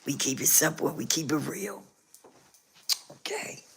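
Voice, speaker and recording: A woman hosts a casual live stream, speaking directly to her viewers and repeating herself. Her voice is hoarse, rough and scratchy, sitting low and moving a little slowly.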